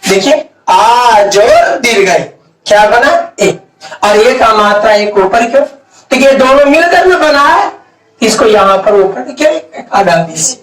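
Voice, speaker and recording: A man's voice: very high voice, animated, unhurried, a bit bright. A man teaching a grammar lesson at a board, asking questions and answering them himself, stretching out key words. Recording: echoey room, mic far off.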